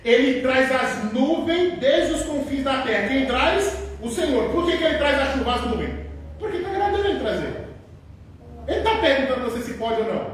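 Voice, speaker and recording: A man preaching an animated sermon, acting out God's lines in his own voice and rising to shouts. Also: very high voice, normal speed, slight background noise. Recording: echoey room, voice from far off.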